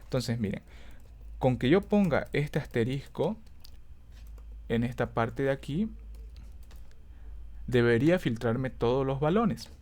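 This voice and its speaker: A man's voice: medium pitch, lively intonation, slow, pauses often, darkish tone. A man teaching a database lesson over a screen recording, explaining step by step, thinking aloud, correcting himself and often checking that students follow.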